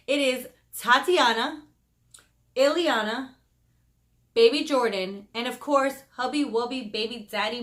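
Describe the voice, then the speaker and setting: A woman of about thirty talking to camera in a casual vlog, openly expressive and chatty, speaking of her faith. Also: fairly high pitch. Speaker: vlogger.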